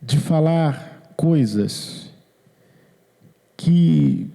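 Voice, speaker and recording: A man's voice: a little high, animated, drawn-out words, gravelly, warm tone. A man, preaching a sermon as pastor, earnest and repeating his phrases, quoting people in their own words. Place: church hall. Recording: long hall reverb.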